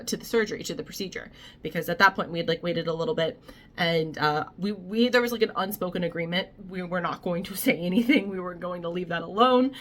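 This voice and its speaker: Young woman, lowish pitch, bright tone, chatty storytime delivery full of fillers and restarts. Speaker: vlogger. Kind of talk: casual storytime.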